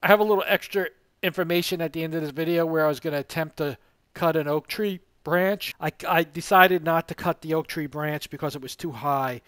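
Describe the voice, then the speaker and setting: A man's voice: a little high, brisk, fairly bright tone, clear, resonant tone, no echo. A man giving a casual, rambling tool review outdoors in a yard, talking plainly about how it works.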